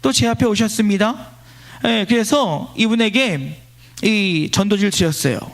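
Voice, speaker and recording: A male pastor preaching at a church service, leading a line-by-line scripture reading and swinging between loud exclamations and quiet storytelling. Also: sits high, moderate pace. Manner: exclaims praise lines loudly, then drops to quiet storytelling. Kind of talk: sermon.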